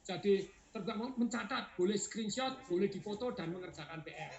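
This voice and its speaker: Man, middle-aged, high voice, motivational seminar talk, roomy dull recording. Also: fairly quick. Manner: energetic, laughing, urging the audience to shout. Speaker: seminar speaker.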